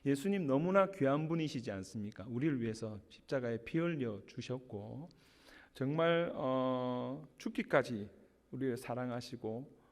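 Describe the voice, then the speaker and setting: Korean pastor preaching in reverberant church. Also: male voice, mid-range voice, animated, moderate pace. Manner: storytelling with warm anecdotes and light laughs. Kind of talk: sermon. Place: church sanctuary. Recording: long hall reverb from the church.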